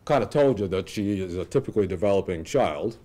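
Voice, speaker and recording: A middle-aged American man giving an informal lecture with a software demonstration, thinking aloud and asking rhetorical questions. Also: low-pitched, animated, fairly quick. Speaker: instructor presenting clinical simulations. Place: indoor classroom at a lectern.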